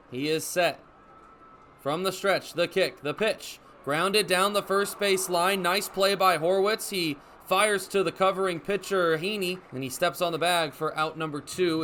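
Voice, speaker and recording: Here a twenty-something male radio announcer describes a baseball game in a fairly high, slightly bright voice with mostly even intonation. He keeps a measured, descriptive pace that climbs during plays. Background ambience is audible in an otherwise clear recording.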